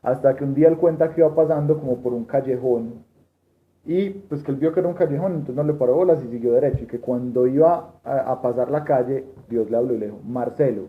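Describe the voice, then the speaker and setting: A man's voice: medium pitch, quick pace. Man telling a story on a tinny recording. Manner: rambling, with many restarts and quoted dialogue. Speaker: Bible study participant. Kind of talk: telling a testimony story in a group class. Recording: tinny lo-fi room recording with faint noise.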